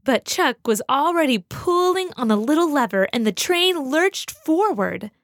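A woman reading a children's story aloud with gentle, expressive storytelling. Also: high-pitched, a little slow, no echo, clean studio sound. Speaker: narrator. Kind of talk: scripted children's story narration. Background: music for children.

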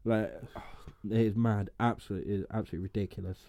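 A man's voice: fairly low pitch, fairly even intonation, fast, dark tone, no room sound. A man in casual, matey chat, swearing and repeating himself for emphasis.

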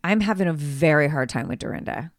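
Animated, swearing woman chatting on mic. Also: deep voice, fairly quick, no room sound, clean studio sound. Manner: animated, swears freely, mimics people she discusses. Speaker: podcast co-host. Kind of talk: casual chat.

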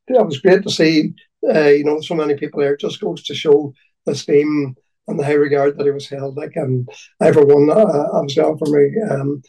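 Higher-voiced Donegal Irish man, halting delivery. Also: dark tone, husky, recorded from a distance, rough recording. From County Donegal, Ireland. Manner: halting, repeats words. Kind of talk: reminiscing conversational tribute.

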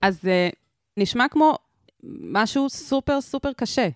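A woman's voice: fairly high pitch, lively intonation, dry recording, clean studio sound. A woman co-hosting a casual podcast with an Israeli accent, saying foreign words in an American accent. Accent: Israeli, with foreign words pronounced in an American accent. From grew up in an American household. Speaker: podcast co-host. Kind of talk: casual conversational podcast chat.

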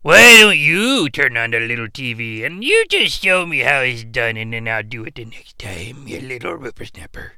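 A man's voice: medium pitch, very animated, moderate pace, few pauses, pushed and bright, clear, resonant tone, no echo, full character voice. A man voicing a bumbling, rambling old ex-wrestler who gets easily flustered and confused by technology, in an improvised comedy bit. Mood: bewildered.

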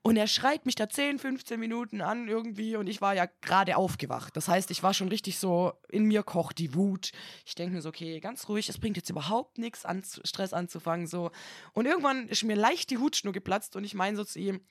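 A woman's voice: medium pitch, brisk, no echo, clean studio sound. A woman co-hosting a podcast, telling a story in casual chat and acting out the voices of the people in it. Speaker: podcast co-host.

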